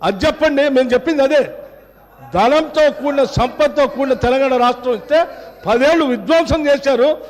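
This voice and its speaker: A man delivering a heated, forceful speech in a legislative assembly debate. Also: very high voice, normal speed. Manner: forceful, shouting rebuttal. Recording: long hall reverb from assembly chamber.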